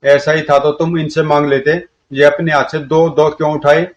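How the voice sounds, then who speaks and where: A man reading a comic story aloud and voicing all of its characters in a lively way. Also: on the high side, normal speed. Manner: lively, shifts between characters' lines. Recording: dull lo-fi recording.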